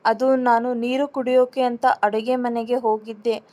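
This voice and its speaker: A woman voicing a frightened, timid young woman who speaks slowly in a trembling, tearful voice. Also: a little high, little pitch movement, mellow, close to an everyday voice.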